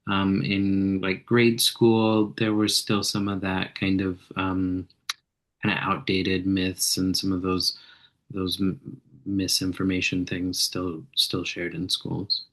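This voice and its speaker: A man in his thirties speaks up in an online class. His voice is low and flat, and he talks in a measured way, with many fillers. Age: 30s. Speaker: student.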